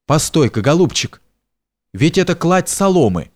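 A man's voice: fairly high pitch, very animated, unhurried, a little mellow, pitched above the performer's own voice. A man voicing a frightened, cowardly young nobleman who stammers and talks in frantic, broken bursts in an audiobook. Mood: panicked. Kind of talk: audiobook character reading.

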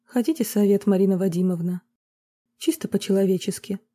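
A sympathetic middle-aged woman who runs an orphanage, weary and tactful, as a female narrator voices her. Her voice is mellow and slightly husky, and she speaks like a figure in an audiobook. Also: mid-range voice, brisk, natural voice.

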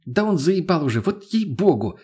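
Man voicing a young woman, foul-mouthed, brash, shouty, high, audiobook. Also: very animated, normal speed, breathy edge. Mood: angry. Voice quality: coarse, swearing. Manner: loud and raised.

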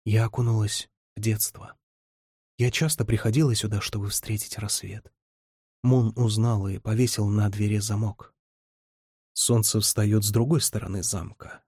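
A man's voice: on the low side, flat delivery, moderate pace, a little mellow, husky, no room sound, studio quality. A man reading the lines of a spirited, teasing young woman in an audiobook, lifting his voice somewhat for her. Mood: wistful.

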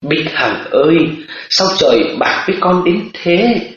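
A man playing an anguished, loving father who comforts his daughter in a gentle, choked voice. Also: a little high, very animated, measured pace, pitched above the performer's own voice. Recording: echoey, dull audiobook recording.

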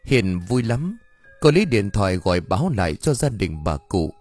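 A man narrating an audio story in a steady, even storytelling manner. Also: on the low side, normal speed, faint music behind. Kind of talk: scripted narration.

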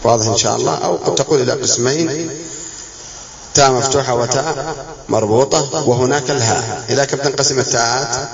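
A man's voice: mid-range voice, creaky, crowd noise. Male classroom teacher, patient and repetitive, quizzing students; echoey room, muffled lo-fi sound. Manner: slow, repeating examples and quizzing students. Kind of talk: classroom lesson on spelling.

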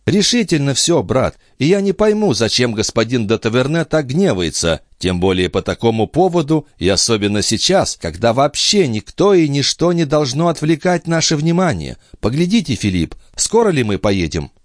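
A man's voice: mid-range voice, sing-song, moderate pace, hardly any pauses, dry recording, clean studio sound, pitched above the performer's own voice, natural voice. A man voicing a young noblewoman who speaks firmly and with composure. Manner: firm, composed. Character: young noblewoman, calm and commanding.

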